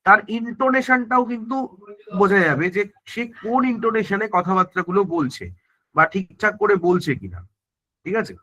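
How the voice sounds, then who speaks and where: High, bright-voiced teacher. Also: male voice, lively intonation, a little fast, rough recording. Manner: explanatory, keeps checking understanding with tag questions; frequent self-corrections and restarts. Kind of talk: online exam-prep grammar lesson.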